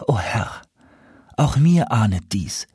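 A man voicing an enchanted princess turned into an owl, speaking in a plaintive, soft, husky voice. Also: lowish voice, sing-song, slow, no room sound, clean studio sound, exaggerated voice. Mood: confiding.

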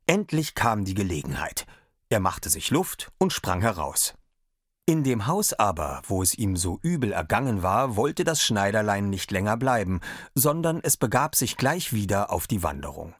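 A man reading a fairy tale aloud as a storyteller, expressive and lively. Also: lowish voice, moderate pace, slightly rough, no echo, studio quality.

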